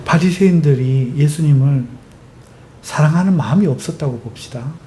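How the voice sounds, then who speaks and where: A male pastor preaching a sermon, driving it with lively rhetorical questions and emphatic stress. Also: a little high, normal speed, a little hiss or hum.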